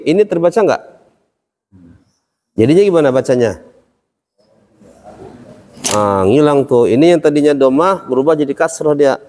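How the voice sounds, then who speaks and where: A man's voice: on the high side, mellow. A man teaching a class, explaining step by step and quizzing his students. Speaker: Quran recitation teacher. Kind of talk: classroom lesson. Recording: long reverb hall.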